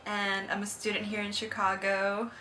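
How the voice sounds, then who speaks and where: Bright-voiced nineteen-year-old woman. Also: mid-range voice, monotone, moderate pace, reverberant, slight background noise, rough recording. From Puerto Rico. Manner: explanatory, matter-of-fact. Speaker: psychology student interviewee. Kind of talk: casual interview answer.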